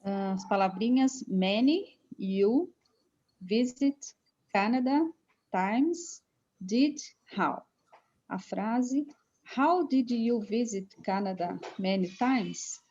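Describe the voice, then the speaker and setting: Mellow Brazilian student reading answers. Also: female voice, on the high side, extremely slow, muffled recording. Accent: Brazilian Portuguese. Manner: reads answers out carefully.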